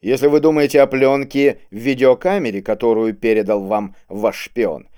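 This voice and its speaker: A man voicing a sly, smooth-talking male cult preacher who speaks in a mocking, theatrical way. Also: mid-range voice, steady tone, normal speed, dark tone, close to an everyday voice.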